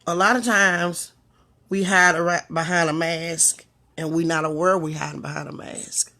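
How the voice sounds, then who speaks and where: A woman hosting her own talk speaks in a lowish, sharp voice with a steady tone. Reflective and unhurried, she pauses between the rhetorical questions she keeps putting to the listener in her motivational monologue.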